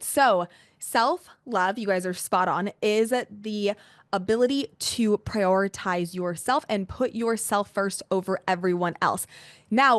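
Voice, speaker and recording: Coaching indoors on a live video call with a camera, this workshop host speaks in a casual, gushing way, saying "like" often and repeating exclamations. Her pitch is medium, and the studio-quality audio has no echo.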